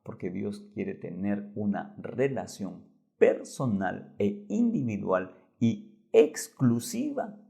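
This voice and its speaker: Pastor guy preaching a bible lesson, lowish gravelly voice, goes loud then real quiet. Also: very animated, slow pace. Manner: swings between loud emphasis and hushed softness.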